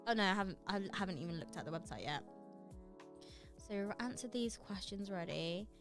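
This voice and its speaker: A woman's voice: mid-range voice, lively intonation, fairly quick, faint music behind. A woman co-hosting a casual livestream chat and reading out viewer questions, rambling with fillers and restarts. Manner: chatty, with many fillers and restarts. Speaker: livestream co-host.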